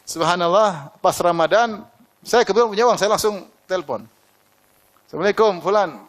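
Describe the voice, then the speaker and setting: A man's voice: high voice, moderate pace, fairly bright tone. A middle-aged man preaching an Islamic lecture, telling stories with laughs and reciting Arabic quotes.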